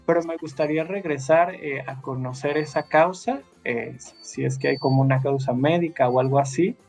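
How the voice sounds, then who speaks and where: A podcast host asking questions in a casual interview. The host speaks hesitantly and phrases questions in a winding way with many pauses. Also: medium pitch, darkish tone, faint music behind.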